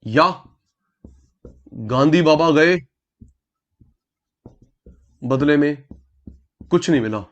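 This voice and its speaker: High-voiced man teaching a lively class. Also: extremely slow, long pauses, muffled recording. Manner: quizzes students by name, repeats key words; mixes English terms into Hindi. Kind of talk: online class lecture.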